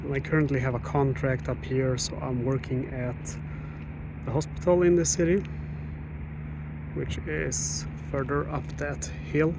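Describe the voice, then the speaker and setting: Inside a cramped RV by a harbor, a Swedish board game channel host unboxes a game in a casual, rambling, chatty way with plenty of "uh"s. His voice is mid-range, gravelly and unhurried with fairly even intonation, and his wireless clip-on mic recording is very noisy.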